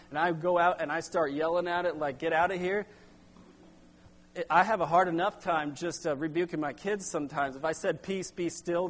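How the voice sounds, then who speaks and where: A middle-aged man preaching a sermon as pastor, halting with restarts, then pressing into emphatic bursts. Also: on the high side. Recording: long hall reverb.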